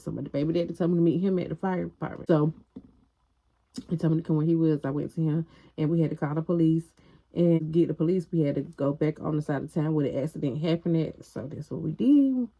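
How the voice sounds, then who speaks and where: A young woman with a lowish, mellow voice tells her viewers a wild personal story. She talks frankly and casually, drops swear words without a second thought, and keeps turning to address the audience directly. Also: highs cut off. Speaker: vlogger.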